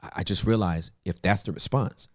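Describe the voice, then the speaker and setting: A man's voice: sits low, fairly quick, no echo. A male pastor telling stories in a casual, emphatic podcast conversation. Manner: storytelling, emphatic, laughs often.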